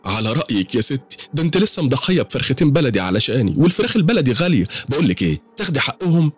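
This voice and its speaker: A man's voice: medium pitch, sing-song, very fast, husky, voice pushed up. A man doing a pleading young Egyptian woman. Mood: teasing. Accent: Egyptian Arabic. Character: frightened young woman, new mother.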